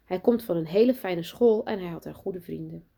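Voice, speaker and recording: A woman's voice: on the low side, normal speed, gravelly, mellow. A woman voicing an irritated, bitter mother who speaks curtly. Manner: curt, snappish.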